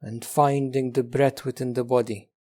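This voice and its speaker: The guide here is a man with a mid-range voice and flat delivery, leading a meditation as teacher in a gentle, slow way marked by long pauses between phrases.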